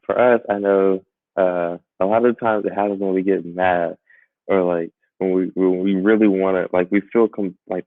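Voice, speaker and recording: A young man talking as a guest in casual chat, relaxed and animated. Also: deep voice, dry recording. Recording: dry tinny phone-like line.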